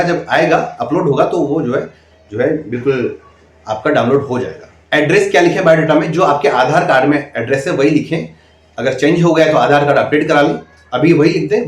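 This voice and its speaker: A man coaching interview candidates in speech, emphatic and repetitive, often asking "okay?". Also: medium pitch. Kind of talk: direct-to-camera coaching talk. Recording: echoey room.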